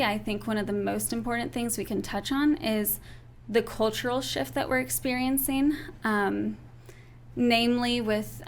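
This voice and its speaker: In an earnest political interview, a young adult woman who grew up in Turkey lays out her arguments one at a time as the guest. Her voice is a little high, and the audio carries slight hiss or hum.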